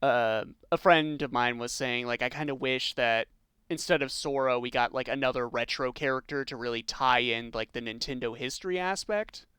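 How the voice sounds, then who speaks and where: A man hosting a podcast, chatting in a relaxed way about video game characters with lots of ums and likes. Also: mid-range voice, normal speed, smooth, dry recording, clean studio sound. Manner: relaxed, many fillers like um and like. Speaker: podcast host.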